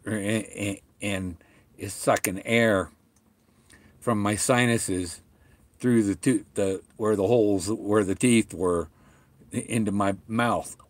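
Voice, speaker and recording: A middle-aged man chatting casually and haltingly, rambling along, with a slight whistle and the loose speech of missing top front teeth. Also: fairly low pitch, no echo. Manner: halting, rambling, often trailing off. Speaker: vlogger talking to viewers.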